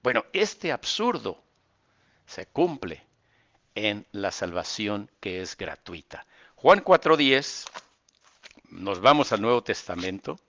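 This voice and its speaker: Slow-speaking man teaching Bible. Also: fairly low pitch, very animated, a bit bright. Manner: unhurried, reads verses slowly with emphasis, adds casual fillers. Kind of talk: Bible lesson, reading and explaining scripture.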